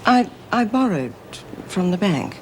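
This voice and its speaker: A woman's voice: medium pitch, big pitch swings, unhurried, noisy background. An actress playing a resigned, self-sacrificing woman prisoner, hesitant and restrained, in a television drama. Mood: resigned, pained.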